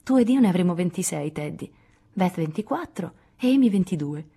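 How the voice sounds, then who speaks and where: A woman's voice: lowish voice, expressive, fairly quick, creaky, mellow, slightly rough, exaggerated voice. A woman voicing a bold, tomboyish teenage girl who always has a plan, in a storybook reading. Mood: confident.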